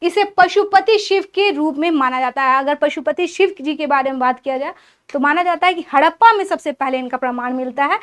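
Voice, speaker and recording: A high-pitched woman teaching an exam-prep history class. She explains each point step by step, poses questions to her students and answers them herself, and runs through long lists item by item. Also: brisk, fairly bright tone. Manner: lists items one by one.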